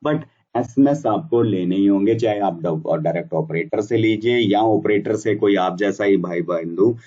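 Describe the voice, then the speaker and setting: Low-voiced man teaching from off-mic. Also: moderate pace, dark tone, far from the mic, dull audio. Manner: explanatory, restarts words, mixes English terms. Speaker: instructor explaining bulk SMS business. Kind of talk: casual whiteboard lesson.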